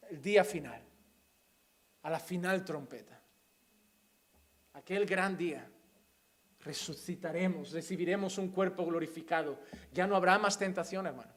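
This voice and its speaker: A young man preaches with fervor. His sermon swings between hushed, sorrowful passages and soaring, shouted proclamations. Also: high voice, normal speed, pauses often.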